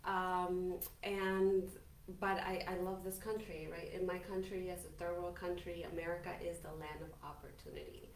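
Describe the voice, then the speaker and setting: A Colombian woman in her forties, a native Spanish speaker and business owner, tells her life story as a guest on a podcast, sounding chatty, upbeat, and self-assured in this casual interview. Her voice is low-pitched with little variation and a normal pace. She was recorded from a distance in a roomy space with faint hiss.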